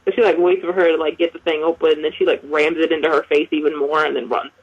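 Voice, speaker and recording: Chatty roleplay player, raspy and lively, on a lo-fi mic. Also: medium pitch, fast. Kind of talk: casual chat about a roleplay.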